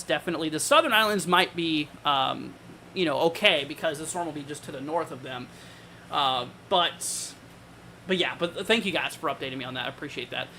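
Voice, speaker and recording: Bright, higher-voiced man giving casual weather commentary. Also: slight background noise. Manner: informal, conversational, thinking aloud. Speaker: weather livestream host.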